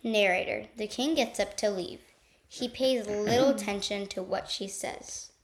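A woman's voice: medium pitch, a little slow. A woman narrating an amateur radio play, announcing scenes in a plain, matter-of-fact way.

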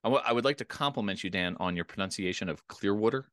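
A man's voice: on the low side, quick pace, a bit bright, no room sound, clean studio sound. A middle-aged American man from Philadelphia co-hosting a podcast, chatting casually in a wry, talkative way. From Philadelphia, United States. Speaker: podcast co-host.

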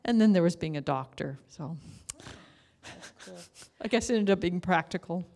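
Lighthearted woman with a lowish voice. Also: animated, normal speed, gravelly, mellow. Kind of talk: casual group sharing.

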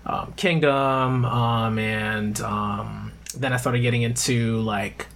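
A man's voice: mid-range voice, steady tone, takes it slowly, vocal fry, fairly bright tone. A man guesting on a podcast as a manga YouTuber, talking casually and rambling with many "um"s. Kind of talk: casual interview chat.

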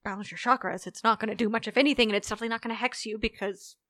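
Woman guest for a casual podcast chat, animated and quick with asides, dry close mic. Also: on the high side, no room sound.

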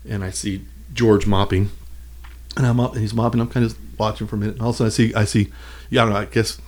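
A man telling lively stories in a casual chat, acting out his own reactions as he goes. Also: lowish voice, quick pace. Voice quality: animated, expressive delivery. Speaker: podcast guest.

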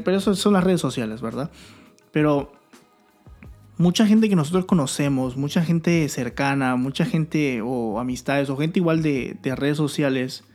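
A young man with a fairly high voice speaks in an earnest, candid way, as if talking straight to his viewers. His casual vlog delivery is heartfelt and plain. Soft music plays faintly behind him. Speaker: vlogger, new father. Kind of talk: casual vlog talk to camera.

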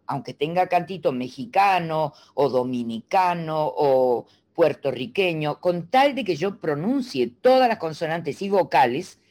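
A middle-aged woman from Argentina, a speech coach explaining diction in a teacherly, animated way and demonstrating sounds. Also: low-pitched. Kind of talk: interview guest explaining.

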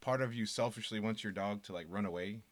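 A man co-hosting a podcast in casual chat, relaxed and joking, swearing easily and laughing often. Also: lowish voice, quick pace, no echo. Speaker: podcast co-host.

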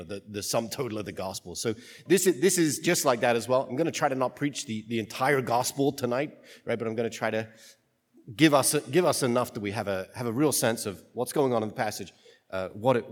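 A priest reading the gospel and then preaching in a casual, joking way, his voice ringing with a long cathedral-like echo. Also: fairly low pitch. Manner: casual, joking, thinks aloud with restarts.

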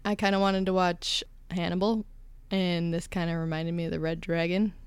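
A woman's voice: lowish voice, little pitch movement, normal speed, clear, resonant tone, no echo. A woman co-hosting a podcast in casual, conversational chat. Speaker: podcast co-host.

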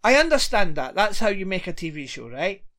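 A man's voice: high voice, big pitch swings, fairly bright tone. A man, chatting casually and rambling a little as he recaps a TV episode as a podcast co-host. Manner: chatty, rambling, quick to laugh.

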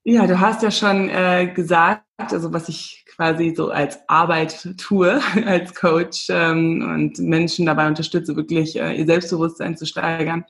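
A woman's voice: on the low side, fairly even intonation, a little slow, few pauses. Chatty woman coach from Namibia. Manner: chatty, many fillers and restarts. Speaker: guest, confidence coach. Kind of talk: casual podcast interview.

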